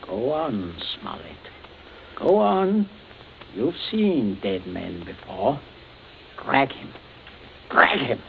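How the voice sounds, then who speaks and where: A man's voice: lowish voice, sing-song, slow, creaky, long pauses, exaggerated voice. An actor playing a genteel, menacing middle-aged father in a radio drama, giving polite, clipped orders with false joviality. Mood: menacing, controlled. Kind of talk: old-time radio drama acting. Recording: tinny band-limited old radio, faint noise.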